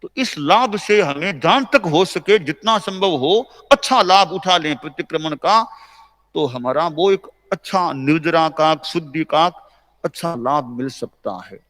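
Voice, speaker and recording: A man with an Indian accent preaches in a plain, conversational way, circling back to the same points as he instructs. His voice sits a little high for a man. The sound carries a long reverb from a large hall. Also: lively intonation. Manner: conversational, repetitive, gently instructive; slow measured chanting of recited verses. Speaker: Jain spiritual teacher. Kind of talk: sermon.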